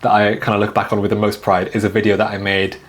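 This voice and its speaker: A fast-talking young man in his twenties, raised in China, speaks casually as an interview guest who works as a videographer. His voice is on the low side, and his relaxed delivery features repeated words and many "like" fillers.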